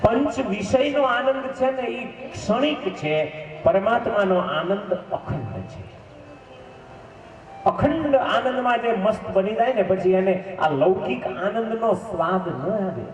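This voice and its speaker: A man's voice: high-pitched, animated, takes it slowly. A man giving a devotional scripture discourse in a temple, telling the story fervently with asides to the listeners. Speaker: religious storyteller. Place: temple hall at a festival. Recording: echoey hall, distant mic, dull sound, faint music.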